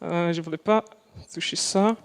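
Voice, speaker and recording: A young man presents his student project, speaking a language that is not his first. He talks carefully, restarts often and searches for words. His voice is slightly high and smooth, with a long reverb from the hall. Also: fairly even intonation, normal speed. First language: not French. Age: young adult. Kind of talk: live presentation talk. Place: lecture hall.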